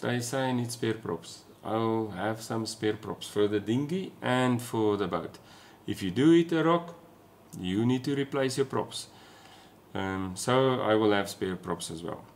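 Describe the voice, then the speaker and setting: A man's voice: fairly low pitch, measured pace, slight background noise. Man with an Afrikaans South African accent. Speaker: sailing vlogger. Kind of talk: casual explanatory chat to camera. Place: small room at home, indoors.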